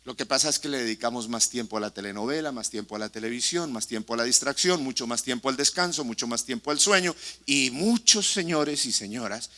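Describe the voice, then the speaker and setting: A man's voice: medium pitch, animated, brisk, hardly any pauses, bright, forceful tone. A male pastor preaching a sermon in a church sanctuary, impassioned and putting questions straight to the congregation.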